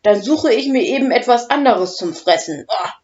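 A woman voicing a big, hungry, grumpy male dragon who booms and smacks his lips, in a storybook reading. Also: animated, normal speed, a little mellow, highs cut off, a little hiss or hum, natural voice. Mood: gruff, booming.

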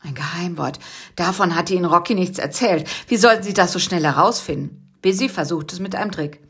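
A woman narrating a children's story in a soft, lively storytelling manner. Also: lowish voice, brisk, breathy edge. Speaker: audiobook narrator.

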